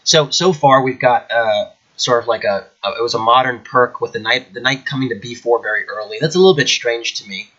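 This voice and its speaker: The host of a chess channel talks casually from indoors at home, meandering and using many fillers. His mid-range voice is fairly quick and sharp, slightly nasal and congested from a cold, and the recording is muffled.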